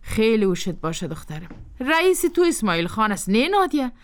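A woman's voice: fairly high pitch, big pitch swings. A woman playing a caring, advising mother. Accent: Afghan Dari. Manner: warm advising, firm. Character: caring middle-aged mother, advising her daughter.

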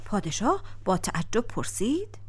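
A woman narrating a classic tale in an expressive storytelling voice. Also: medium pitch, husky.

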